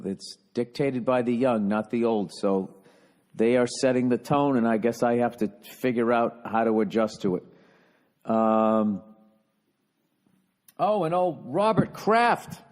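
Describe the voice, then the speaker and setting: A man's voice: fairly low pitch, fairly even intonation, unhurried, darkish tone, big-room sound. A man hosting a casual monologue. He rambles and swears often, and he trails off and restarts his sentences.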